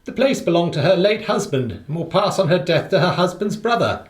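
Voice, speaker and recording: A man acts out an affable British gentleman for a radio play, recorded in an echoing room. The voice is fairly high and lilts widely. He talks in a chatty, emphatic way, full of short phrases. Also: very animated, brisk. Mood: emphatic, informative. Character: Doctor Watson, affable, chatty gentleman and war veteran.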